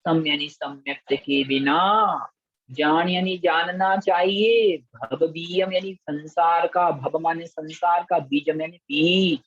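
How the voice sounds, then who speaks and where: A man's voice: a little high, fairly even intonation, a bit bright, dry recording. A man teaching a scripture class, chanting verses syllable by syllable and explaining each word. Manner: slow drawn-out syllable-by-syllable recitation, then brisk explanation. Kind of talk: recitation lesson with call-and-repeat chanting. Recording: muffled lo-fi dry audio.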